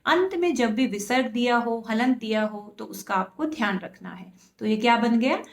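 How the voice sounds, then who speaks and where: A woman's voice: on the high side, animated, normal speed. A woman teaching an online lesson to schoolchildren, patiently spelling out each word. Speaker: Sanskrit teacher. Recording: roomy echo.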